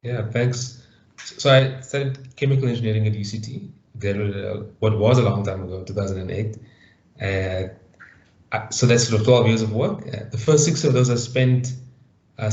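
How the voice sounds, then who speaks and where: A man's voice: lowish voice, darkish tone. A man on a career panel, talking hesitantly and repeating words as he searches for phrasing. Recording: dull lo-fi video call with room echo.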